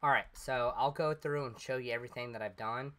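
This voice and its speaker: A let's play host with a mid-range, fairly bright voice talks briskly over his gameplay, rambling and explaining each step with plenty of fillers. He sounds a bit congested, still recovering from being sick.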